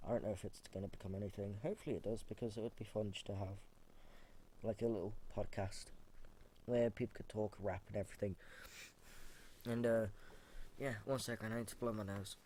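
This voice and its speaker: A man with a fairly low voice talks through a casual one-man podcast. He rambles, restarts often and swears offhandedly. Then he reads his own rap verses aloud. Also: steady tone, brisk, long pauses, mellow, a little hiss or hum. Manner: rambling and informal, with frequent fillers and restarts. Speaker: podcast host.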